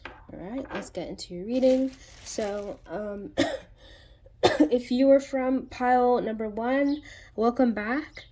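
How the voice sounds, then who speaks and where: A woman's voice: fairly high pitch, takes it slowly, dark tone. A woman hosting her own channel, giving a casual spoken tarot reading in a rambling way, full of fillers and restarts. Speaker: tarot reader and channel host.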